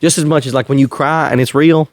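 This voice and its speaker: A man's voice: on the high side, steady tone, fast talker, no room sound, clean studio sound. A man hosting a faith-based podcast, talking in an earnest, slightly preachy way and chuckling often. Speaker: podcast host. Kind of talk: faith-based casual chat.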